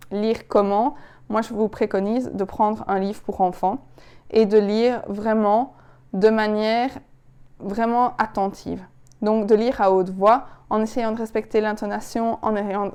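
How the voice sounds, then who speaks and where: A young woman with a Belgian French accent from the Ardennes, coaching viewers on public speaking in an energetic, emphatic way and repeating words for stress. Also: medium pitch, clean tone. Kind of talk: direct-to-camera coaching video.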